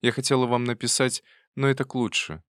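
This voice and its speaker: A man voicing a quiet, dutiful young woman with a soft, earnest, restrained manner. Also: mid-range voice, level tone, brisk, no echo, clean studio sound, pitched above the performer's own voice, natural voice.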